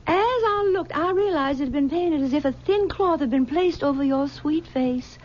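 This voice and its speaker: In a 1970s radio drama, an actress plays a possessive, aging mother who coaxes and stammers haltingly. Her voice sits high with a darkish tone, lightly acted. The broadcast sounds dull, with slight background noise.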